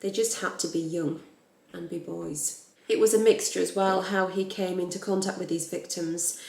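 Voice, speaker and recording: A woman telling a true crime story in a blunt, animated, casual way, swearing freely. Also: on the low side, moderate pace, vocal fry. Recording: roomy echo.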